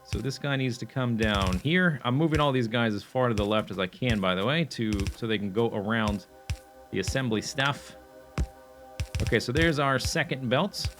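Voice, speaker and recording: A man's voice: medium pitch, moderate pace, fairly bright tone, soft background music. A young man casually commenting on his own gameplay as he plans a factory build, thinking aloud with fillers and self-corrections, and he has the hiccups. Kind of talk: casual let's play commentary.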